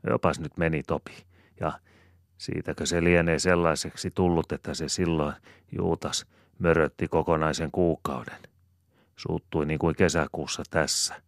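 A man's voice: rumbling low, dry recording, studio quality. A man voicing a bustling, fond rural mother who rambles in homely chatter and croons lullabies to her baby.

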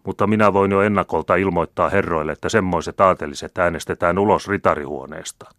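A man reading an audiobook, voicing an older hot-tempered general who shouts fiery demands. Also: sits low, no echo, clean studio sound.

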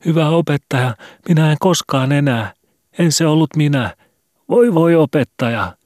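A man's voice: on the high side, lively intonation, darkish tone, dry recording, clean studio sound, pitched above the performer's own voice, lightly acted. A man doing wailing, pleading schoolboys. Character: frightened young schoolboys begging for mercy.

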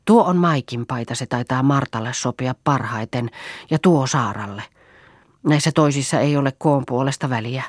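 A woman reading the part of a motherly, homely farm mistress in an audiobook, gently bossy and fond of proverbs. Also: very deep voice, dry recording, clean studio sound. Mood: kindly.

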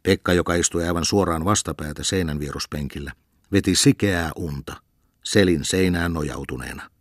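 A man reading a novel aloud as an audiobook narrator, in an even storytelling manner. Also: low voice, no room sound, clean studio sound. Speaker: audiobook reader.

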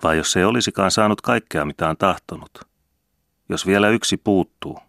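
A man's voice: sits low, vocal fry, a bit bright, no echo, clean studio sound, pitched above the performer's own voice. A man voicing a sly, teasing old widower, the brother in a story reading, speaking in a playful chuckling way. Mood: earnest.

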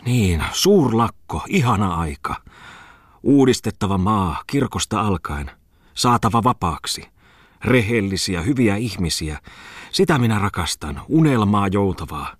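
A man voicing a whining tipsy idealist, lively pitch, dry close sound, audiobook. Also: no echo. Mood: ranting. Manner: whiny, pleading, rhetorical outbursts.

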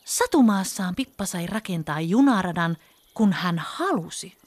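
A woman telling a children's fairy tale in an expressive, storybook way. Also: on the low side. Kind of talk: children's bedtime story reading.

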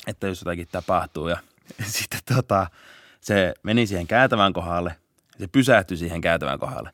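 A young man, a police officer, telling a story in a casual podcast interview, laughing often and shouting out bursts of the chase. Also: low voice, no echo, studio quality. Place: podcast studio.

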